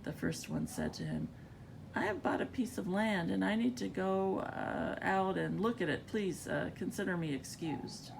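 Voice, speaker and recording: A woman with a groggy, just-woke-up morning voice, reading scripture aloud in an informal way. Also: moderate pace. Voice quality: gravelly, creaky. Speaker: scripture reader. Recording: rumbly background noise.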